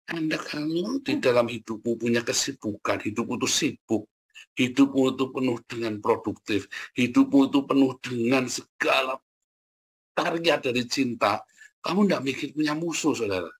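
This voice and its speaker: A man preaching a sermon in a booming, teasing, colloquial way. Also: normal speed, slightly rough. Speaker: pastor.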